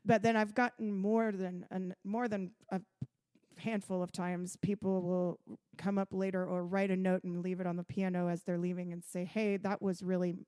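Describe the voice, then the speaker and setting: A woman's voice: lowish voice, level tone, moderate pace, dark tone, clean tone, dry recording, clean studio sound. A woman, a piano bar owner and performer, talking in a chatty podcast interview with many restarts and frequent laughs.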